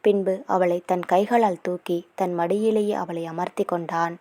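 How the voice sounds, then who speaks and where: A woman's voice: on the low side, steady tone, measured pace, dark tone. A woman narrating a romance novel as a story, reading all the characters' lines in her own voice with small shifts.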